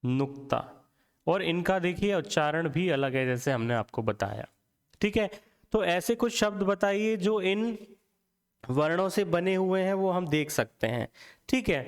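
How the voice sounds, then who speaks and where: A man's voice: high-pitched, expressive, a little slow, clean tone. Hindi teacher man in echoey room. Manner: asks questions and answers them himself, frequent "theek hai". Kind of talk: classroom lesson on Hindi alphabet.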